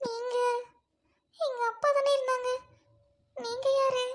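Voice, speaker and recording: A lonely orphaned young woman, always on the edge of tears, as a woman acts her out. The voice is extremely high and flat in its rise and fall, with a sobbing, pleading manner in an amateur dialogue drama. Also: slow pace, full character voice. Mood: tearful.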